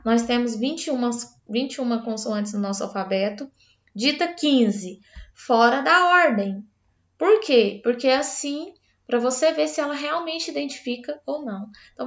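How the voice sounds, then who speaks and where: A Brazilian woman teacher explaining a literacy lesson for parents step by step, talking straight to the viewer. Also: a little high. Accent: Brazilian Portuguese. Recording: roomy, slightly dull sound.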